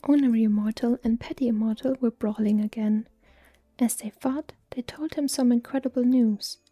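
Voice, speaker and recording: A woman reading a story aloud in a slow, hushed, even ASMR whisper. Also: fairly high pitch, faint music behind. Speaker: reader.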